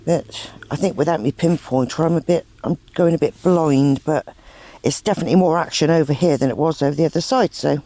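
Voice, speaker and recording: A man's voice: fairly high pitch, a little fast, warm tone, dry recording. An English man chatting casually and self-deprecatingly as he narrates a metal detecting vlog outdoors. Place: open field, outdoors. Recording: noisy outdoor field recording.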